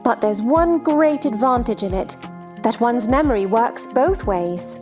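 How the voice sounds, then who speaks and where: A woman's voice: on the high side, animated, measured pace, over music. A woman playing a scatterbrained, helpless queen in a theatrical children's storybook drama, fluttery and fussy. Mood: airy, matter-of-fact. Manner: fluttery, nonsensical insistence, crying out.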